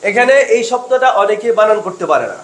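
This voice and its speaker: High-pitched guy teaching quran reading super slow, quizzes himself, echoey room. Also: lively intonation. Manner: slow, asks and answers own questions. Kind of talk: step-by-step spelling lesson.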